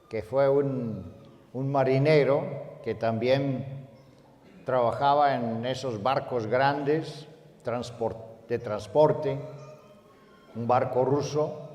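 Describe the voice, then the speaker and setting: A male pastor preaching a sermon as a story, swinging from loud emphasis down to a hush. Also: medium pitch, long reverb tail, lo-fi sound. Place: large hall at a church congress.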